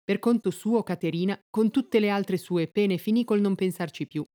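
A woman reading a story aloud in a measured, even narrating voice. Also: medium pitch, no room sound, studio quality.

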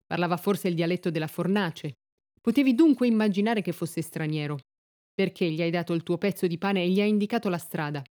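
A man's voice: high voice, a little fast, a little mellow, no room sound, clean studio sound, close to an everyday voice. A woman voicing an insistent male rural policeman who raises his voice as he questions people, in a read-aloud story. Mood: stern. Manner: raises voice, demanding.

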